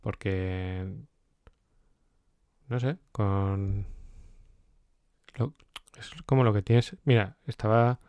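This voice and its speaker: Male host, low mellow tone, casual storytelling chat. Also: very slow, pauses often, clean tone, dry recording. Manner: animated, storytelling with quoted asides. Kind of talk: casual chat about a self-help book.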